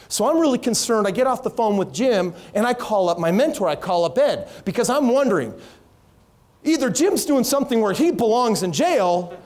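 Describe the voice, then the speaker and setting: A man telling stories in an energetic way as a company founder giving a keynote on a conference stage. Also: sits high. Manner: energetic, animated storyteller voicing others' quotes.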